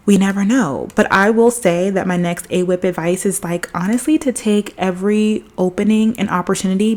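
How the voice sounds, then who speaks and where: A woman's voice: medium pitch, darkish tone. A young woman hosting her own podcast, telling a personal story in a chatty, reflective way, with lots of "like". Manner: chatty, reflective, heavy use of "like". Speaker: podcast host. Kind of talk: casual solo podcast storytelling.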